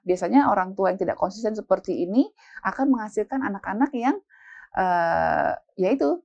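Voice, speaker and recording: A woman giving casual parenting advice, animated and acting out parents' voices. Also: medium pitch, normal speed, gravelly, highs cut off. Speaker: parenting expert guest.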